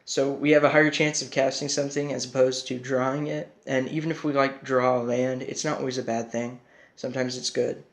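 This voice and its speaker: Flat-pitched young-sounding guy with whistling S. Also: brisk. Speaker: trading card game hobbyist presenter. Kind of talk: casual deck tech explainer.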